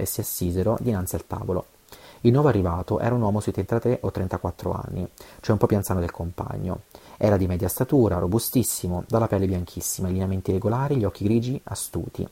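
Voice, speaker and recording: A man's voice: fairly low pitch, vocal fry, dark tone, slightly rough. A man reading an adventure novel aloud, with occasional stumbles and self-corrections. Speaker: audiobook reader.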